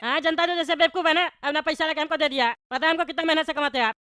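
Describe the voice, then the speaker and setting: A woman's voice: high-pitched, steady tone, rapid-fire, heavy background noise, lightly acted. A woman voicing a bald, short-tempered male politician in a cartoon, always scolding. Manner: scolding, indignant. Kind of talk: cartoon voice acting.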